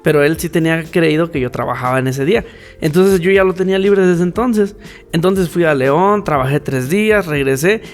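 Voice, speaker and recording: A man's voice: on the high side, moderate pace, soft background music. A man, co-hosting a podcast and sharing a faith testimony in casual chat, repeating key phrases for emphasis. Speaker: podcast co-host.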